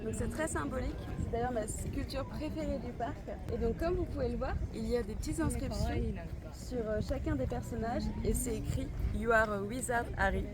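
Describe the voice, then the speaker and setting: A woman's voice: fairly high pitch, brisk. A woman giving an enthusiastic guided tour in a travel vlog, pointing things out to her viewers. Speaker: vlogger. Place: outdoors then indoors at a studio attraction. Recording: loud music behind.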